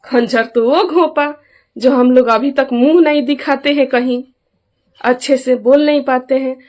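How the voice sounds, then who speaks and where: A woman's voice: high voice, fairly even intonation, measured pace, a little mellow. A middle-aged woman, speaking as an aggrieved mother in a casual vlog. She talks emphatically and keeps asking those around her to back her up. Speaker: mother airing a family grievance.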